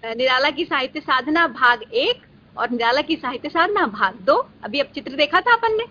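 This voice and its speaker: Woman lecturer, high and bright, patient with students, lo-fi class recording. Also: expressive, moderate pace. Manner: patient, calls students "beta". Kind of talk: virtual class lecture with questions. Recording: dull lo-fi recording with faint hiss.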